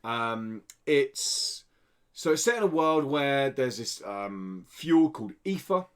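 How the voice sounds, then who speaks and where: A man with a medium-pitched, clear and resonant voice takes things slowly but sounds animated. He's co-hosting a podcast and reviewing indie games in an enthusiastic, casual back-and-forth.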